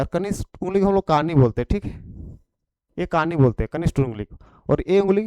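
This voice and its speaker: A man's voice: a little high, mellow, clean tone, no room sound, highs cut off. A man with a Khortha accent teaching an exam prep vocabulary lesson, repeating each point and checking in after it.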